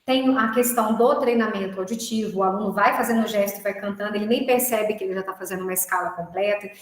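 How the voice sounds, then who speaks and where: A woman's voice: medium pitch, fairly even intonation, fast. A woman music teacher explaining a recorded class, often checking in with short tag questions. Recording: very echoey room.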